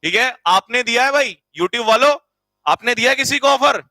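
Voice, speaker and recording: A man's voice: very high voice, animated, moderate pace, bright, forceful tone, dry recording, low-quality recording. A man teaching vocabulary to a class. He teases the students and repeats each meaning so they can write it down. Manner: teasing, jokey, calls students beta and bhai. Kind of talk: classroom vocabulary lesson in Hindi.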